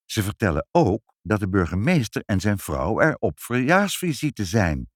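A man voicing a kindly, bustling mother in a high, brisk voice. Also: big pitch swings, dry recording, studio quality.

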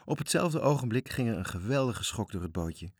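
A man reading a children's story aloud, telling it in a lively way. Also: mid-range voice, fairly quick, breathy edge, no echo, studio quality. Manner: lively, animated storytelling with voices. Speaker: narrator.

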